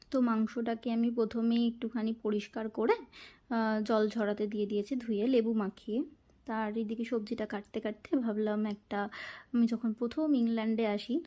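A woman's voice: fairly high pitch, dark tone. A woman from India with a Bengali accent, chatting casually in her kitchen and telling a story while she cooks, with frequent fillers. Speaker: vlogger. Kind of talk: casual chat while cooking. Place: home kitchen.

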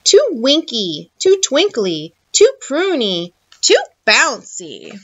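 A picky little boy in a storybook who answers in short, clipped remarks, as a woman reads his lines aloud. His voice leaps up and down in pitch and comes through a dull, muffled recording. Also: huge pitch swings, slow, fairly bright tone, no echo, heavily acted. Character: young boy shopper, quiet and choosy. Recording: muffled lo-fi audio.

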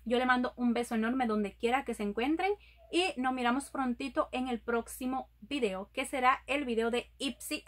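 High-voiced young woman vlogging to viewers. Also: fairly bright tone. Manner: affectionate, addresses viewers as "my loves". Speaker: YouTube vlogger. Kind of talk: casual vlog announcement. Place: indoors in front of a green sequin backdrop.

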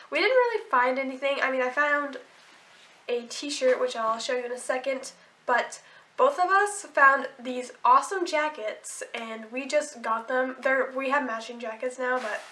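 The voice belongs to a teenage girl vlogging a clothing haul, high and bright with a forceful tone and a measured pace. Though she has a sore throat and a stuffy nose, she chats bubbly and casual to camera, full of likes and restarts, in an echoey room.

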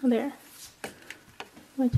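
A woman and mother cooking at home, chatting casually to herself and her kids, sometimes dropping to a whisper. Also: drawn-out words. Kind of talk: casual cooking vlog chat. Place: home kitchen, indoors. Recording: loud kitchen noise with sizzling food.

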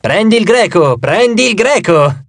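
A man's voice: fairly high pitch, animated, fairly quick, dry recording, close to an everyday voice. A man voicing a grey-haired swordsman in his fifties, an easygoing and matter-of-fact fencing instructor in an audiobook. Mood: cheerful.

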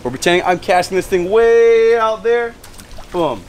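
A young fishing channel host chats excitedly to viewers while fishing outdoors by a lake and a pool, in a casual vlog. His voice is a bit high and hyped, at a normal speed, with faint background noise.

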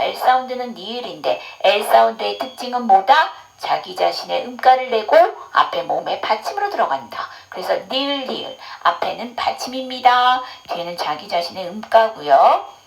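A woman English teacher leads an online phonics lesson with a slightly high voice. Her pitch swings widely as she explains each sound patiently. She keeps putting questions to her students. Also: creaky, rough recording.

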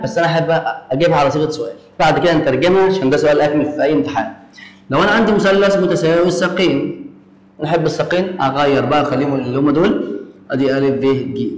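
A man with an Egyptian Arabic accent teaching a math lesson in a quick, conversational way, voicing his students' questions himself. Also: fairly high pitch. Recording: echoey room with long reverb.

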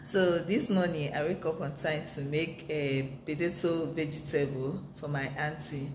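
A woman's voice: low-pitched, steady tone, normal speed, darkish tone, echoey room, slight background noise, rough recording. A woman in her thirties chatting casually to camera in a home kitchen as she cooks for her vlog. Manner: chatty, talks straight to camera while cooking. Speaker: vlogger.

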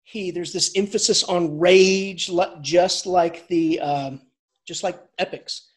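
A man lectures as an English professor, slowly and in a high-pitched voice. His manner is informal and animated, and he frequently restarts sentences while chuckling through asides.

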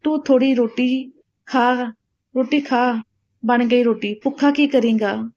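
A worried older village aunt, fretful and pleading, as a woman narrator voices her. The voice is high-ish and mellow. The recording sounds dull and lo-fi. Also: fairly even intonation, a little slow.

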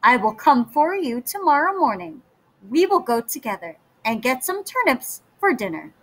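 A woman voicing a scheming, hungry male wolf in a children's story, drawing out his threats slowly. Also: high-pitched, very animated, a bit bright, a little hiss or hum, poor audio. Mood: sly. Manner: slow drawn-out threats.

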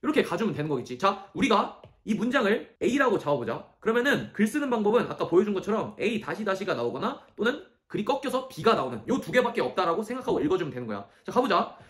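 A man's voice: high-pitched, very animated, fairly bright tone. A man teaching English reading, walking through a passage and often checking whether students follow. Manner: quick, emphatic, keeps checking understanding with "okay?"; asks and answers his own questions. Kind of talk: lecture explaining an English passage.

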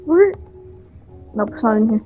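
A young woman chatting casually with a friend while gaming, excitable and prone to loud outbursts. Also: on the high side, normal speed, narrow, tinny audio, faint music behind.

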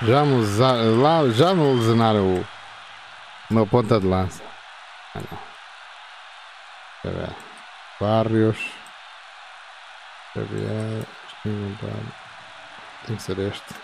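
A man, playing a football video game and reacting excitedly, shouting and repeating words. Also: on the low side, takes it slowly, creaky, pauses often, slight background noise. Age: 50s.

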